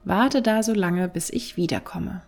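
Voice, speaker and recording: A woman voicing a crafty wandering male fiddler in a storybook, calm and commanding with a gravelly edge. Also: fairly low pitch, measured pace, faint music behind.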